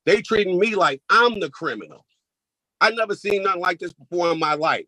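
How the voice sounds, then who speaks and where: A man speaks to a court over a video call, his voice sitting fairly high. He is heated and emphatic and keeps repeating himself. The sound is dry, with no room around it. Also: animated, a little fast, pushed and bright, dry recording, low-quality recording. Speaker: crime victim giving a statement. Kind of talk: courtroom victim impact statement.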